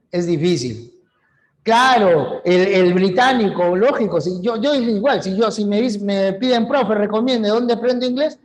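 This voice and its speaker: A middle-aged man from Peru gives an online class lecture on language, his voice sitting high with a darkish tone. He teaches chattily and tends to ask questions that he then answers himself.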